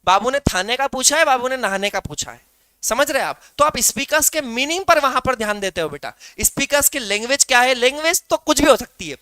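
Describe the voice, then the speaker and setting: A male teacher leads a live online exam-prep class in a high, bright, crisp voice, heard close and dry. He explains by asking rhetorical questions and calls his students "beta". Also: expressive, a little fast, no echo.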